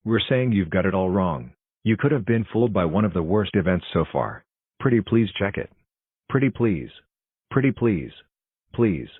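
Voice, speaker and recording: A man's voice: low voice, very animated, normal speed, slightly rough, no room sound, phone-quality sound, heavily acted. A synthetic-sounding man voicing a worried, suspicious cartoon father in a stiff, formal way. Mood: concerned, polite. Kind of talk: scripted cartoon dialogue.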